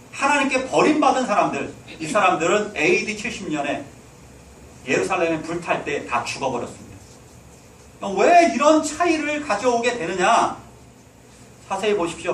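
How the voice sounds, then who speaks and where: In a sermon delivered in a church sanctuary, a pastor exhorts his congregation and poses rhetorical questions to them. His voice sits high and is a bit bright; the distant mic captures an echoey hall with a little hiss or hum.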